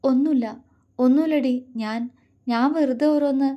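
A woman's voice: high-pitched, fairly even intonation, normal speed, highs cut off, pitched above the performer's own voice, lightly acted. A woman voicing a tender, protective young man who coaxes and comforts his lover. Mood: tender firm. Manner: soft, affectionate, coaxing.

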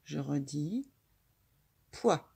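A woman teaching a young child to read, sounding out syllables slowly and patiently. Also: low-pitched, lively intonation, gravelly, mellow, husky. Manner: slow, patient, spells out sounds one by one. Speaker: reading teacher. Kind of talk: slow phonics lesson for a young child.

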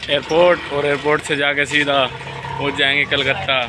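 A man's voice: on the high side, flat delivery, normal speed, background noise. A young man casually vlogging, chatting and laughing with friends, first by a road and then inside an airport terminal. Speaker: travel vlogger. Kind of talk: casual travel vlog.

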